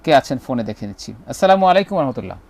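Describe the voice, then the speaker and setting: A man hosting a live call-in music show, friendly and gently correcting callers. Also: medium pitch, very animated, rapid-fire, background noise.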